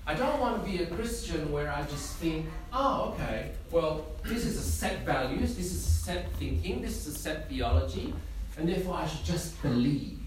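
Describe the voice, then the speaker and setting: A man's voice: a little high, expressive, normal speed. A young man from Indonesia preaching as a guest in a church, friendly and self-deprecating with jokes along the way. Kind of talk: sermon with humor. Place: church sanctuary. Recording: echoey church from far off, noisy.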